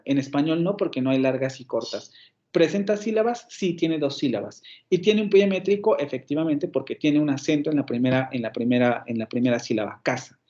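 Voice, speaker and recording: A man's voice: a little high, mellow. Man lecturing over a dull call. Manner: explanatory, repeats examples aloud and checks in with the class. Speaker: university phonetics professor. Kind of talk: online university lecture. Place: indoor room with a window. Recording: dull lo-fi online class audio.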